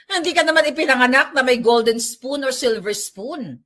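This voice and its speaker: A woman's voice: high-pitched, a bit bright. A woman giving casual, sarcastic vlog commentary at home, ranting animatedly and mixing in English. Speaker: political vlogger. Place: at home while tidying up.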